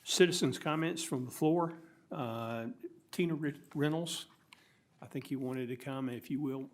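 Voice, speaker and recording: A man's voice: mid-range voice, measured pace. An American man speaking as the chair of a town council meeting, in an informal procedural style.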